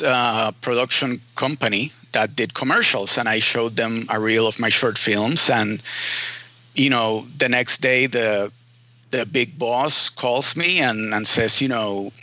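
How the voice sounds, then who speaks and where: A man speaks in a casual, rambling interview style, leaning on "you know" and "man" as he tells his story. His voice is bright and forceful. The recording is dry and a little dull, lacking sparkle. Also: medium pitch, takes it slowly, no room sound. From Puerto Rico. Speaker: film editor, guest.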